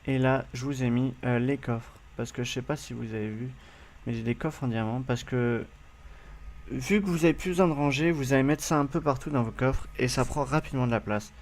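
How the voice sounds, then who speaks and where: Gravelly-voiced man explaining a game. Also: mid-range voice, a little fast, darkish tone. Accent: French. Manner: hesitant, many fillers, addresses viewers directly. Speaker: gaming tutorial host. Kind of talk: casual game tutorial voice-over.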